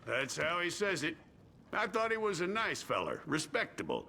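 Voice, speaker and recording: A man's voice: a little high, wildly swooping pitch, normal speed, creaky, pushed and bright, a little hiss or hum, full character voice. An actor playing a folksy, wry lawman who hands out bounties, speaking in a dry drawl.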